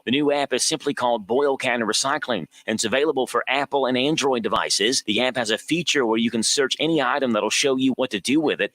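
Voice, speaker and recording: A man's voice: mid-range voice, fairly bright tone, no room sound. Dry-sounding male radio news reporter. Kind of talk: scripted local news reading.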